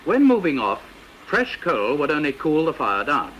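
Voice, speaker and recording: Narrating an old instructional film, a British man uses a precise, didactic, measured and scripted delivery. His bright, forceful voice sits a little high, its pitch swooping wildly to stress key words. The audio is poor, with a little hiss or hum.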